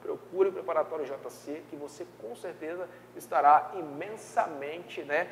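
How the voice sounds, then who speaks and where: A Brazilian man teaching an exam-prep review class, lively and checking in often with his students. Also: a little high, moderate pace, in a large hall, a little hiss or hum. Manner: lively, peppers speech with tag questions.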